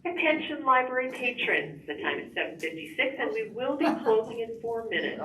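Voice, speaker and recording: A woman on library staff making a formal closing-time announcement over a public address loudspeaker, in a measured, announcing tone. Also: fairly high pitch, very animated. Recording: distant echoey loudspeaker with loud noise.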